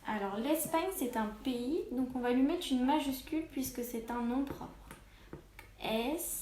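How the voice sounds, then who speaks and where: A woman teaching a reading lesson and dictation to young children, articulating each word slowly and with stress. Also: sits high, a little mellow, echoey room, a little hiss or hum. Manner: slow, carefully articulated, stresses each syllable. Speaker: primary school teacher.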